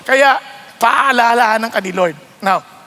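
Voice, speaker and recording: A middle-aged Filipino pastor, a man, preaching in a playful, animated way, often laughing and acting out quarrels in swooping voices. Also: extremely high pitch, measured pace. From Philippines. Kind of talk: animated Taglish sermon.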